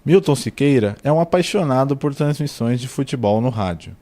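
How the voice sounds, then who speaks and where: A man's voice: mid-range voice, animated, fairly quick, mellow, a little hiss or hum. A Brazilian man reading scripted narration as a reporter.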